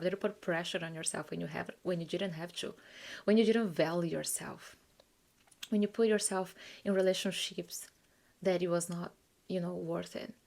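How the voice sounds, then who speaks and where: A woman coach leading a guided forgiveness visualization, earnest and encouraging, speaking in slow soft phrases that sometimes drop to a whisper. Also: medium pitch, vocal fry.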